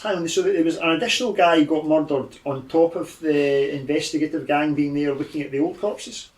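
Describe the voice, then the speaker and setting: Man, questioning tabletop player, slightly high voice, roomy sound. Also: brisk. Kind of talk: casual tabletop play. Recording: echoey room.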